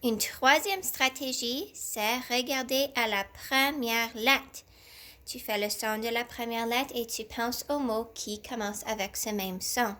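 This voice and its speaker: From home, a woman teacher gives young children a reading lesson in a sharp-toned, fairly high voice. She speaks slowly and deliberately, sounding out each syllable one by one.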